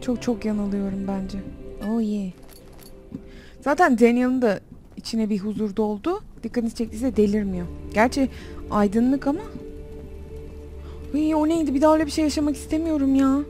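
Young woman, horror game commentary, nervous self-talk, sudden shrieks, slightly high voice, faint music behind. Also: fairly even intonation, moderate pace, long pauses, warm tone. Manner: jumpy, talks to herself, shrieks when scared. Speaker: gamer playing a horror game. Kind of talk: let's play commentary. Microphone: desk mic with facecam.

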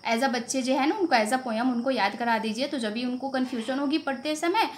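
A woman teacher with an Indian accent explaining a phonics lesson, asking questions and repeating the sounds slowly. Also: high-pitched, slight background noise.

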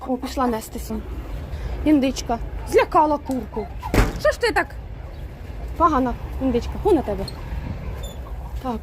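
High-voiced woman coaxing hens in a noisy farmyard. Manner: coaxing, chatty, talks to her hens and geese. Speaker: homestead keeper. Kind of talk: casual farmyard vlog. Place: poultry coop and farmyard.

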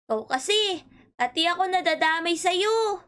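A woman with an extremely high, squeaky voice hosts a playful game role-play. She talks politely and excitably and keeps fussing over her friend. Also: unhurried.

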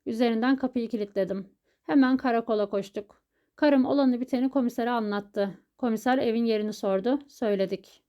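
A woman narrating a story as an audiobook reader, telling it in a steady, even way. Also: a little high, brisk, highs cut off.

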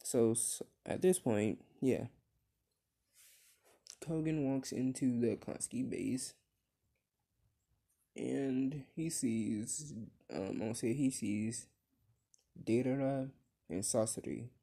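A young man improvising a fan-fiction story out loud, rambling with many fillers and restarts. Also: mid-range voice, slow pace, vocal fry, long pauses.

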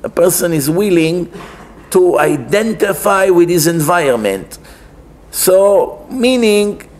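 Rhetorical questions and repeated phrases mark this religious lecture by a high-pitched rabbi with an Israeli accent. He explains emphatically in a conversational preaching style while seated at a lectern in a wood-panelled synagogue.

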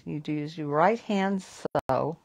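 A woman's voice: deep voice, slow pace, creaky, darkish tone. A woman with a Southern American accent hosts a live psychic talk. She tells her stories in a rambling way, restarting and repeating words as she goes. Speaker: psychic host. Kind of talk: live stream talk and storytelling.

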